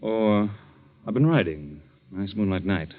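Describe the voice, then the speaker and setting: Smooth scheming husband, lowish voice that swings up and down, muffled old radio sound. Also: male voice, animated, measured pace. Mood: offhand. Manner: casual, breezy, offhand. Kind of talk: 1940s radio acting. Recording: scratchy 1940s radio recording.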